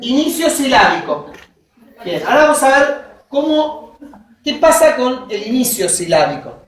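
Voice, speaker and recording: A lecturer reads from notes in a measured classroom voice, pausing to check that students follow. Examples are spelled out one word at a time. The voice is picked up from well across a very reverberant room. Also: high-pitched, sing-song. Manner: dictates from notes, checks in with frequent "¿sí?". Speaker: university linguistics teacher. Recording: very echoey classroom, voice from far off.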